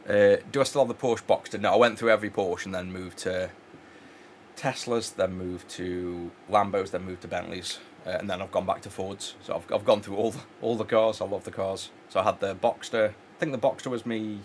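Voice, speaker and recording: A man with a low voice talks loosely while he works on electronics at his bench. He rambles, restarts his sentences and fills gaps with ums. A faint noise sits under the recording. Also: fairly even intonation, brisk. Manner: rambling, many fillers and restarts. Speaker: electronics repair channel host. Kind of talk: casual chat while working.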